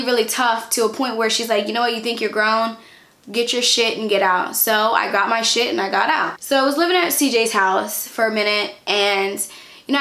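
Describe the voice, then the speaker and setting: Female vlogger, young adult, slightly high voice, chatty informal storytime delivery, echoey room. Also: fairly bright tone. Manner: chatty, candid, informal with frequent "like" and "you know". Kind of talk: casual storytime vlog. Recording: echoey, roomy sound.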